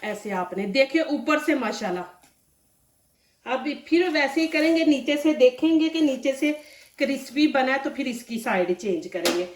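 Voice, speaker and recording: A woman's voice: sits high, expressive, moderate pace. A woman with a sore, dry throat giving a chatty step-by-step cooking demonstration in her home kitchen, walking viewers through each stage. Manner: chatty and instructive, often says "see this". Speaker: cooking channel host. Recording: echoey room, mic at a distance.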